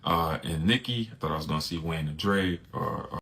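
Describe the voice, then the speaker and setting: Deep-voiced man. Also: creaky, sharp tone. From Louisiana. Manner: measured, with many "uh" and "um" fillers. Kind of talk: casual video review.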